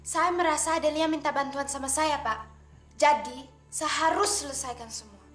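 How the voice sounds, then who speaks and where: A woman's voice: high-pitched, fairly even intonation, moderate pace, fairly bright tone, faint music behind. A woman playing a young student, earnest and set on finishing what she started. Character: determined young female student. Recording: echoey room.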